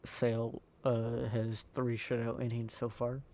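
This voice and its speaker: A man recording a tired, halting voice-over over his own sports video game footage, full of ums and uhs. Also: monotone, a little mellow. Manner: low-key, halting, lots of ums and uhs. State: tired, yawning. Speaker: gaming YouTuber.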